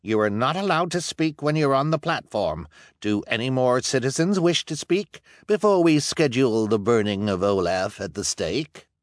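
A man's voice: mid-range voice, animated, normal speed, no room sound, studio quality, voice pushed up, lightly acted. A man voicing a stern, rule-bound town elder issuing warnings. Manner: stern, officious.

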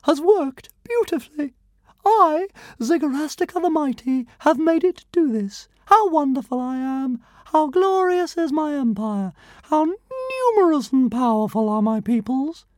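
A woman voicing a tiny, boastful male nano dragon emperor with a high, grand, sing-song manner. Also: very animated, a little slow, no room sound, clean studio sound. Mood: gleeful boasting.

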